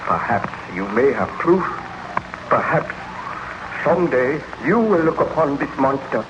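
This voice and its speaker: Over a dull, noisy 1930s radio recording, a haunted baron and scientist. His rather high voice moves dramatically up and down. He confesses with solemn, declamatory remorse in old horror serial style. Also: very animated, unhurried. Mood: solemn, brooding.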